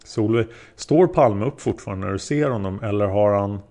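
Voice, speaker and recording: A man reading the questions of a patient female interrogator, gently probing a witness. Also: lowish voice, natural voice. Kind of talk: read-aloud interrogation transcript.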